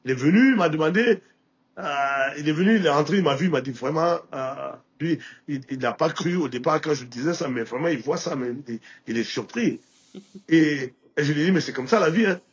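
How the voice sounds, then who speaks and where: Speaking briskly in a slightly high voice with lively intonation and a breathy edge, an entrepreneur from Burkina Faso shares stories during a relaxed interview. His Burkinabé French accent comes through amid many restarts and fillers, and the audio sounds dull.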